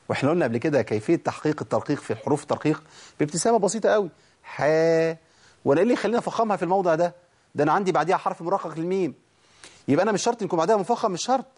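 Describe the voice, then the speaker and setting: A man with an Egyptian Arabic accent teaching Quran pronunciation. He asks questions and answers them himself, and draws out the sounds he demonstrates slowly. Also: on the high side. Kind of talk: pronunciation lesson.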